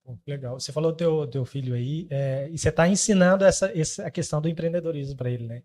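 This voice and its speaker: A man's voice: on the high side, fast talker, darkish tone. A man hosting a podcast, chatting casually and encouraging his guest. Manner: encouraging, affirming. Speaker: podcast host.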